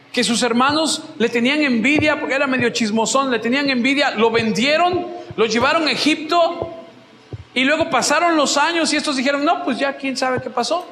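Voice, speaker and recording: A man preaching a sermon as pastor, telling Bible stories with lively energy and acting out the scenes. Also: very high-pitched, roomy sound, big-room sound, a little hiss or hum. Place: church.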